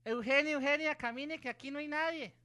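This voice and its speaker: Lady doing fed up young cousin for radio drama, high sharp voice, close dry sound. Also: a little fast, no room sound. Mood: exasperated. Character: exasperated young cousin urging someone home.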